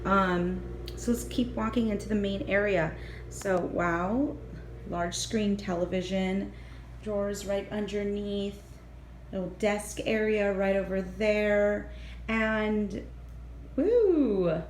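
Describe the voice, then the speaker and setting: A young travel vlogger gives a bubbly, chatty tour of her hotel room and its ground-floor patio, full of fillers and excitement, filmed on a handheld phone. Her medium-pitched voice is a little hoarse and raspy, as if she lost it, and she speaks slowly. The audio has a roomy echo, faint ambience and slight background noise.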